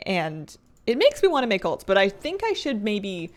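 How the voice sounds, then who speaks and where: While playing a game on a livestream, a woman talks with viewers in a relaxed, playful way and wonders aloud about what she's doing. Her mid-range voice swings widely in pitch at a moderate pace.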